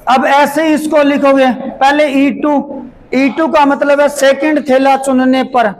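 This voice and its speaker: A man teaching a maths lesson, going through each step slowly and repeating it while he writes it out. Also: very high-pitched, level tone, a little hiss or hum, rough recording. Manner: slow, repeats steps as he writes. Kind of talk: classroom lesson explanation.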